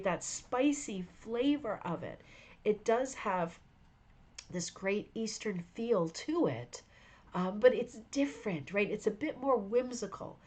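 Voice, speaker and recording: This rug hooking club host has a medium-pitched, somewhat mellow voice. During the live stream's show-and-tell chat she sounds tired and is losing her voice, but she keeps rambling with enthusiasm and greeting viewers by name.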